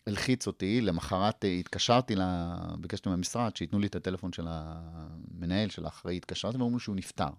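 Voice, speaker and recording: A man's voice: few pauses, dry recording, studio quality. A middle-aged man, a comedian, telling stories in casual chat and acting out quotes with big jumps in his voice. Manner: animated, acts out quotes with big pitch jumps. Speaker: guest comedian. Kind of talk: casual storytelling.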